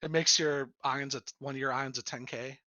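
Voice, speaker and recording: A man reviewing cards in a casual chat, starting haltingly and speaking with dry humor. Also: medium pitch, fairly even intonation, pushed and bright.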